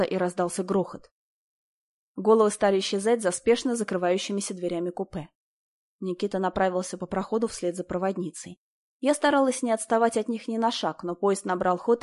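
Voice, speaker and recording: A woman reading a first-person story aloud as an audiobook narrator, in a steady, conversational storytelling manner. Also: mid-range voice.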